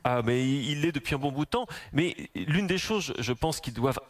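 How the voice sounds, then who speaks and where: A man with a hoarse voice giving football analysis on a radio sports talk show, often hesitating and restarting his sentences. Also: fairly high pitch, lively intonation, fairly quick, a crowd in the background. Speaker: football pundit.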